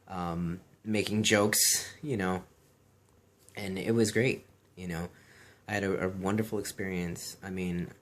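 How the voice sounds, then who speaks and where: A man talking casually and earnestly in a personal vlog, repeating himself and often saying "you know". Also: low voice.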